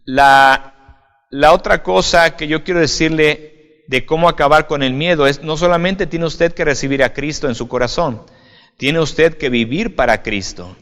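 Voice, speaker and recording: A man's voice: fairly high pitch, a little slow, a bit bright. A male pastor preaching an informal video sermon in a slightly raised voice. He talks conversationally, addressing the listener directly and tagging on little check-ins. The sound carries a long hall reverb. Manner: conversational, often adds "right?", addresses listener as "usted".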